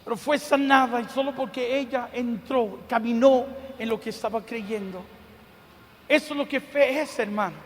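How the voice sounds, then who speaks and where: Fervent high-voiced male preacher. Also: normal speed. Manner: fervent, repeats a fond address to the listener. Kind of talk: sermon. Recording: long hall reverb.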